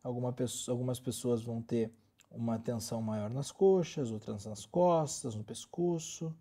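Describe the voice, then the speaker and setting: A man with a Brazilian accent guiding a yoga relaxation as an instructor, speaking in a calm, soothing and gently instructive manner. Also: medium pitch, moderate pace.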